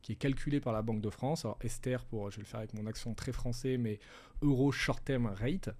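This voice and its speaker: A man's voice: mid-range voice, steady tone, fast talker, dark tone. A middle-aged man, a guest advisor, explaining things step by step in a casual interview. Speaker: wealth management advisor, guest.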